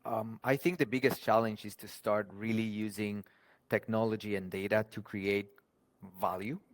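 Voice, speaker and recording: A man's voice: lowish voice, flat delivery, moderate pace, no room sound. A man from Argentina, talking earnestly as a guest about his working life. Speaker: podcast guest, HR professional. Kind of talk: conversational interview.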